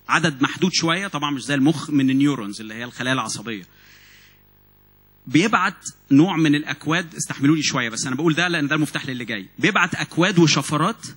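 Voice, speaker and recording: A man with an Egyptian Arabic accent preaching a sermon in an animated way, often repeating and restarting words. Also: a little high, slightly rough. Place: church meeting hall.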